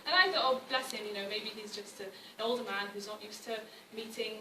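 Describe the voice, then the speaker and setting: A woman's voice: mid-range voice, brisk, noisy background. A young British woman from Wales giving a public talk, conversational and wry, with frequent restarts. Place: arts centre hall. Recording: echoey hall from far off.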